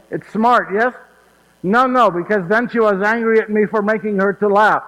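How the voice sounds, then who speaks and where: This man's voice sits high, with a steady, fairly bright tone and a moderate pace, as he plays a fond, chatty old Joseph of Nazareth. He laughs, keeps things folksy, and often checks in with "yes?" The solo stage monologue echoes with hall reverb.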